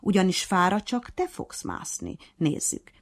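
A woman's voice: on the low side, wildly swooping pitch, pitched above the performer's own voice, exaggerated voice. A woman voicing a fair-minded but bossy male hare acting as referee in a storybook tale, speaking in a strict, commanding way.

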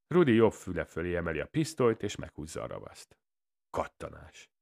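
A man's voice: deep voice, sing-song, vocal fry, a little mellow. A man reading a first-person crime story aloud in a dry, matter-of-fact way. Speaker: audiobook narrator. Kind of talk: first-person audiobook narration.

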